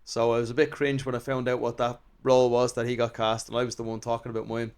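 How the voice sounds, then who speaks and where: A man's voice: medium pitch, little pitch movement, fast, darkish tone, smooth. An Irish man, an actor and comedian, chatting as a guest in a rambling, self-deprecating way. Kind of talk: casual interview chat.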